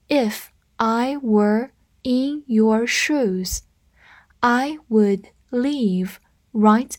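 A woman teaching English words, explaining in Chinese and reading each English example slowly, then repeating it. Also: fairly high pitch, breathy edge, no room sound, clean studio sound. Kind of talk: vocabulary lesson.

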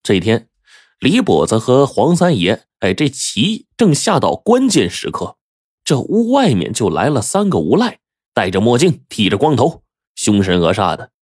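A man telling a folk tale in a lively, dramatic, folksy manner. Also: mid-range voice, a little slow, breathy edge, dry recording, clean studio sound. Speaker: storyteller. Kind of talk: spoken storytelling.

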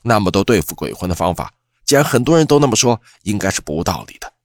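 A man's voice: fairly low pitch, very animated, quick pace, no echo, clean studio sound. A man voicing a young male college roommate who earnestly warns about ghosts in a grave, knowing way. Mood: ominous.

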